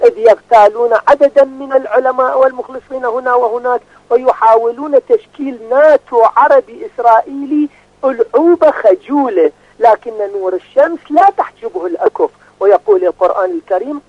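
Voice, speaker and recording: Guy calling in on the phone, really high voice, dry and close, formal like he's reading it out. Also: dry recording. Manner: formal, prepared-sounding statement. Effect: heard over a phone line. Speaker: phone-in caller.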